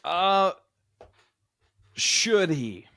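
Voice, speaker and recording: Lively young man on a sports podcast. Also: sits high, very slow, vocal fry, dry recording, clean studio sound. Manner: animated, laughs often, self-interrupting. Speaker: podcast co-host. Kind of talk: casual sports podcast banter.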